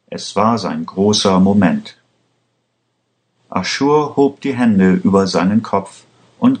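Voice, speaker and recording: Male audiobook narrator, measured and very slow, low-pitched. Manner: slow, measured reading for learners. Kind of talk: scripted narration.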